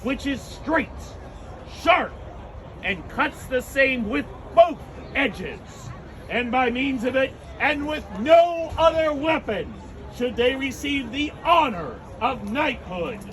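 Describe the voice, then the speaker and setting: A man's voice: very high voice, lively intonation, slow, a crowd in the background, noisy background. A man giving a solemn, regal knighting recitation in formal ceremonial words, as the officiant.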